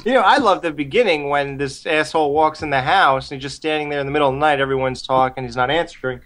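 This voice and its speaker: Guy cohosting a movie podcast, kinda high voice, swears a bunch and mocks the film. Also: fast, fairly bright tone. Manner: blunt, profane, mocking. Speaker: podcast co-host. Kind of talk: casual film review chat.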